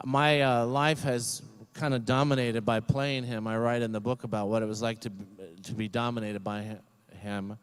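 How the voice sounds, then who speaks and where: A man's voice: medium pitch, smooth. An older man giving a comedic commencement speech at a graduation ceremony, rambling and self-deprecating with many fillers. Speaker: commencement speaker.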